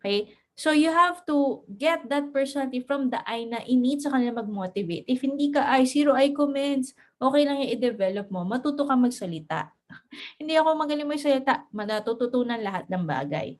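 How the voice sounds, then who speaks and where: A woman coaches her team in a relaxed, motivational lesson. Her voice sits a little high, and she switches between languages easily. She laughs often and sometimes stumbles over her words. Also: brisk. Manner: mixes English into Filipino, laughs often, stammers. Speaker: network marketing mentor.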